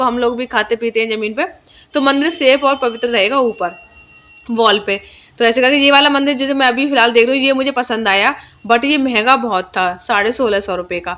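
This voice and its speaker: Chatty woman vlogger, quick narration. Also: on the high side, a bit bright. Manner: chatty, homely storytelling with fillers. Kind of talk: casual vlog voice-over narration.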